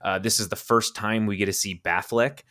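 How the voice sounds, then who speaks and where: A low-pitched man talking loosely on a podcast about films he disliked. He rants, swears freely and breaks into incredulous laughs when something strikes him as absurd. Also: fairly even intonation, normal speed, sharp tone. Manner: ranting, profane, laughs incredulously. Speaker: podcast co-host. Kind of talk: casual movie chat.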